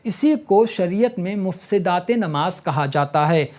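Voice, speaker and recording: A man's voice: sits high, expressive, a little mellow. A man giving an instructional religious lesson, explaining rules point by point, often checking in with the listener and urging them to listen closely. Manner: emphatic reminders to listen carefully. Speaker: religious teacher.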